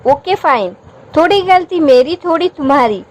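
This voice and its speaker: Female narrator doing a playful, teasing young husband; storybook read, high pitch. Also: expressive, moderate pace.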